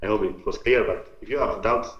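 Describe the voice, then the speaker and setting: A man from Spain's Basque Country with a Basque Spanish accent, giving an informal scientific lecture in a halting, step-by-step explanatory way. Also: on the low side. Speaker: researcher presenting own work. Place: remote talk over video call. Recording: muffled, roomy video-call audio.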